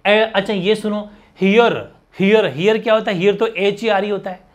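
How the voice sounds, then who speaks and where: A man's voice: high voice, fairly even intonation, fairly quick. A man teaching an exam-prep grammar lesson, who keeps asking rhetorical questions and repeating letter sounds aloud.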